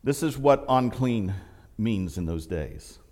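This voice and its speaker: A man preaching a sermon to a live congregation. He swings between loud, emphatic stretches and low, hushed storytelling. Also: expressive, slow pace. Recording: echoey hall.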